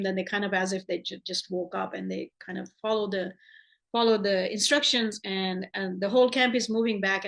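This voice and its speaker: A woman's voice: mid-range voice, vocal fry, fairly bright tone. Woman teaching a class, chatty and unscripted. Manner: conversational, many restarts, acts out quoted dialogue. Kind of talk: informal class lecture.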